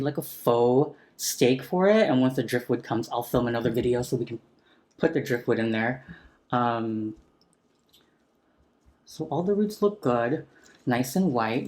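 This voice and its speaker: Chatty man on a close ASMR mic. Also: mid-range voice. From San Francisco area. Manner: chatty, gently enthusiastic, soft close-mic ASMR delivery. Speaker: plant vlogger. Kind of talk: casual talk-through while repotting. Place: home room with a chandelier. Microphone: sensitive close mic turned up for ASMR.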